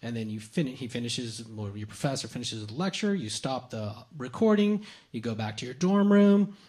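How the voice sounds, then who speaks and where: A man's voice: mid-range voice, sing-song, normal speed, a little mellow. A man co-hosting a casual tech news chat, explaining gadgets with lots of fillers and restarts.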